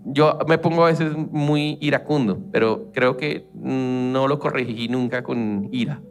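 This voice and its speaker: A man with a Colombian accent giving a lively, conversational sermon as a church leader, acting out everyday family exchanges. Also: mid-range voice.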